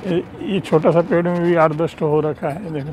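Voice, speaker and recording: Outdoors with a handheld phone, a man tours his rooftop terrace garden in casual, chatty narration, pointing out features. He speaks at normal speed in a fairly high voice over a noisy background.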